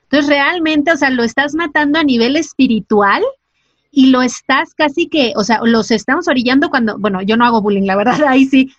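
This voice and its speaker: High-voiced chatty woman host. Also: brisk, no room sound, lo-fi sound. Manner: chatty, peppers speech with filler tags. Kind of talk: casual chat.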